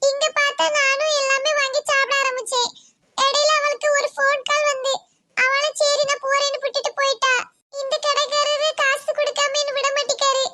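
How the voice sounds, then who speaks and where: A woman's voice: very high voice, little pitch movement, a little fast, sharp tone, a little hiss or hum. A woman voicing a young cartoon girl stuck at a shop, who pleads and later turns cheeky and mocking. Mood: worried. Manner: pleading, then cocky and mocking.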